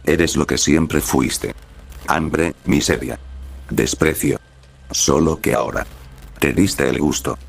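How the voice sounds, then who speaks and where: A deep synthetic man voicing a grinning ghoul boy. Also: steady tone, slow, gravelly, pauses often, heavily acted. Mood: mocking. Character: mutilated grinning ghost boy, mocking and cruel.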